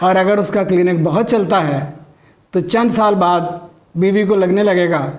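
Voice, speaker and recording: Guy doing a stand-up monologue, kinda high voice, clear hiss behind him. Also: a little slow. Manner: dry joke delivery with an audience laughing along. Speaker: comedian. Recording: noisy recording.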